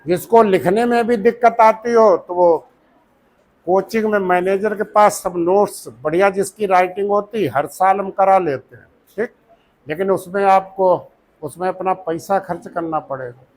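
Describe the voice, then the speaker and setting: High-pitched Indian biology teacher lecturing. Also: male voice, normal speed, darkish tone. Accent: North Indian Hindi. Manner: preachy, advising students with rhetorical questions. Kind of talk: classroom lecture.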